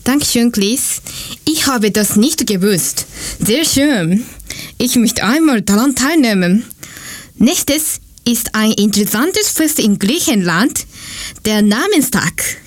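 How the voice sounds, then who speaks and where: Casting note: Japanese woman, slightly high voice, slow, careful, scripted learner's delivery. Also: lively intonation. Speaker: student presenter. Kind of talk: read-aloud presentation.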